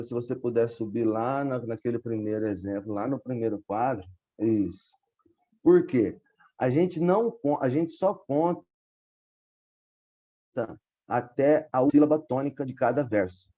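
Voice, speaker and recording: Over a video call, a man with a warm, mid-range voice patiently leads a poetry workshop, explaining step by step and checking in with his students often. The audio sounds dull.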